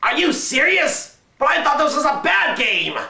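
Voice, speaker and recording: A man acts out a theatrical undead villain doctor from a comedy sketch, gloating and short-tempered. His high voice swings widely in pitch, heard from off in an echoey room. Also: big pitch swings, moderate pace, bright, forceful tone, heavily acted. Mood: incredulous. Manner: theatrical, exclamatory. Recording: echoey room, distant microphone.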